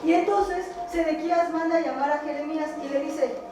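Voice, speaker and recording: Woman preacher with a high voice, storytelling sermon that quizzes the room, distant mic with music under it. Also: steady tone, brisk. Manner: quizzes the congregation with questions. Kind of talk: sermon retelling a Bible story. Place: church meeting hall. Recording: echoey hall, distant mic, music behind.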